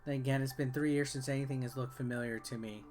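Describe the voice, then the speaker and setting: With game music behind him, a male game reviewer and video host reads game text aloud and tosses off casual gameplay remarks. His mid-range voice is steady in tone, fast, and a little mellow.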